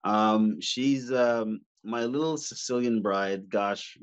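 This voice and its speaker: A comedian from Montreal telling stories on a podcast, acting out the people in them. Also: male voice, lowish voice, slow, clean tone. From Montreal, Canada. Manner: animated, acts out the people in his stories. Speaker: comedian guest. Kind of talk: podcast storytelling. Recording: dull lo-fi sound.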